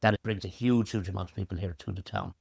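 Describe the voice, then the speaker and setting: A low-voiced Irish man with a creaky, gravelly edge tells local history as a storyteller. He repeats words for emphasis and builds his account in short phrases. The sound is close and dry. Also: steady tone, fast, a little mellow, no echo. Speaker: pub representative and local storyteller.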